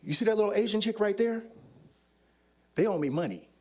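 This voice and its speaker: A man's voice: sits high, animated, a little fast, pitched above the performer's own voice. A man voicing a brash young male gang member who talks in loose street slang. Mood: cajoling. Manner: slangy, cajoling street talk.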